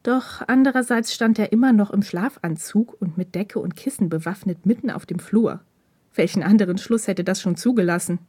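A woman reading a story aloud in a calm, even narrating voice. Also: medium pitch, normal speed, breathy edge, no echo, studio quality.

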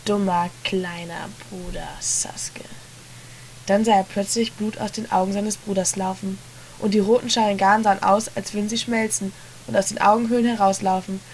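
A woman reading a story aloud in a hushed, dramatic narration. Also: mid-range voice, level tone, brisk, a little hiss or hum. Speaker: reader.

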